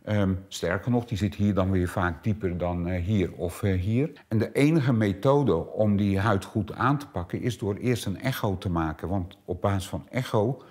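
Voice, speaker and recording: Deep-voiced and a little mellow, the clinic owner, a middle-aged man, explains treatments in interview answers at a moderate pace, barely pausing but using many hesitant fillers. He's speaking indoors in a small treatment room.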